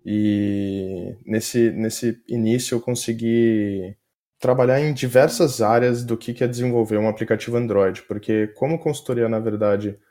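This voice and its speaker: A man with a Brazilian Portuguese accent, a software developer chatting casually as a podcast guest. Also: lowish voice. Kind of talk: casual conversational interview answers.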